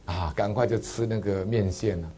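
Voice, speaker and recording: A man with a Taiwanese Mandarin accent telling stories in a Buddhist talk. He jumps from loud, high exclamations to soft, low asides. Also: steady tone, moderate pace, soft background music. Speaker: Buddhist lay lecturer.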